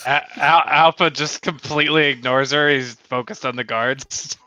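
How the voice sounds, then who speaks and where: Very bright-voiced man, dry remarks. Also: fairly high pitch, steady tone, normal speed, low-quality recording. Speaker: player.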